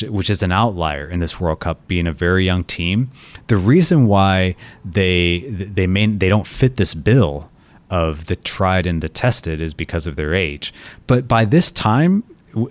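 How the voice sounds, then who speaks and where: A man's voice: deep voice, no room sound. A man from Colombia giving solo soccer commentary, thoughtful and prone to restarting his sentences. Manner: thoughtful, frequent restarts and repeated words. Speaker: soccer writer and podcast host.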